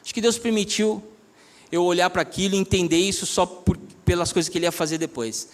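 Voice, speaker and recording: A man's voice: high voice, brisk. A man, a pastor sharing a personal testimony in an earnest, conversational way, often addressing listeners as "my brother".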